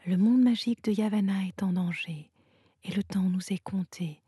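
A woman voicing a gentle, wise female unicorn in a whispered role-play, soft and teasing in tone. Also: medium pitch, moderate pace, husky, no room sound, clean studio sound. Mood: reassuring.

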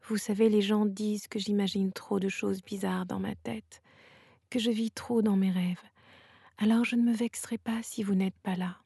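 A woman's voice: mid-range voice, little pitch movement, moderate pace, creaky, warm tone, breathy edge, no room sound, clean studio sound. A woman voicing a shy, dreamy little girl in a whispered role-play, hesitant and timid.

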